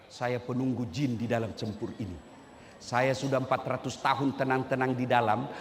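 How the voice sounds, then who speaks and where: A man's voice: mid-range voice, steady tone, moderate pace, long reverb tail, a crowd in the background, pitched below the performer's own voice, natural voice. A man voicing an old male jinn who lives in a well, complaining and fed up. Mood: grumbling.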